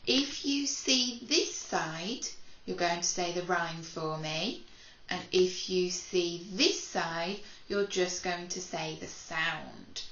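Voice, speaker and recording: Slow, clear-speaking woman teacher. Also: fairly low pitch, fairly bright tone, reverberant, dull audio, a little hiss or hum. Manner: slow, clear and encouraging, with frequent praise. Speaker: primary school teacher. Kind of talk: phonics lesson to camera for young children. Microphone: camera.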